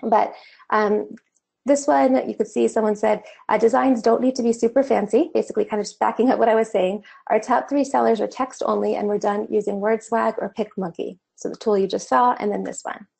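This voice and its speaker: Talking a little fast in a fairly high voice, a woman teaching an online course explains a screen-share lesson casually, with occasional "um" fillers. A gravelly edge suggests her voice is slightly giving out.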